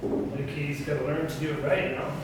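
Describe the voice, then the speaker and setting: A man's voice: fairly high pitch, level tone, brisk. A middle-aged man, a veteran tattoo artist, chatting bluntly and casually over a game of pool, often adding "you know". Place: indoors at a pool table. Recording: echoey room, distant mic, noticeable background noise.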